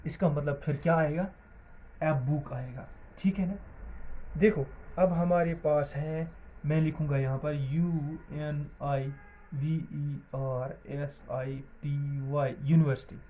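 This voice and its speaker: A warm, steady voice, fairly high in pitch and slow, leads an English grammar video lesson from Jammu and Kashmir. The male teacher spells words letter by letter and asks the class questions he then answers. Slight background noise sits under a dull, lo-fi recording.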